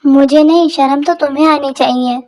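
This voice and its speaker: A woman's voice: high voice, steady tone, normal speed, a little mellow, natural voice. A woman voicing a jealous, vengeful young rival in a fan dub drama, sneering and threatening.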